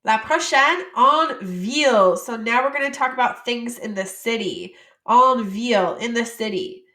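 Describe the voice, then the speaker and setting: An American woman teaches a French vocabulary lesson, reading each word slowly and carefully before discussing it in relaxed, casual English. Her voice is bright and on the high side, and the room adds some echo.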